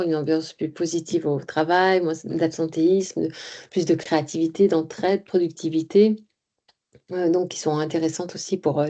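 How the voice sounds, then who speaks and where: Female expert presenter, mellow and slightly low, explaining findings. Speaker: expert speaker.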